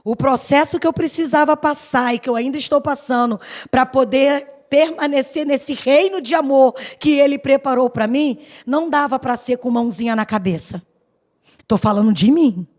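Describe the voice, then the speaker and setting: A woman preaching a sermon in a church, conversational and lively, moving between soft asides and loud exhortation, laughing often. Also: high-pitched.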